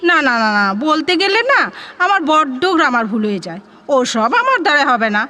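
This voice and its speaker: A woman's voice: high-pitched, big pitch swings, a little fast, sharp tone, long reverb tail, a little hiss or hum, full character voice. A woman playing a fussy old-fashioned Bengali mother. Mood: teasing. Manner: plaintive, teasing, fussy. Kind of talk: audio drama acting.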